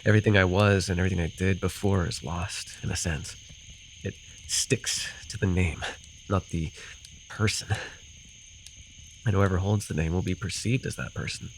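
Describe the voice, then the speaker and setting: A man with a low voice, steady tone, and normal speed pauses often while playing a rambling, amused forest fae with a bird companion in a fantasy ASMR roleplay. He tells his tale in a musing, wistful mood, with hesitant, apologetic asides. Crickets and insects fill a noisy night-forest background.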